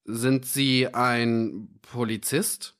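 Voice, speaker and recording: A man voicing a proud young gentleman who talks in a flustered, indignant way. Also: medium pitch, steady tone, very slow.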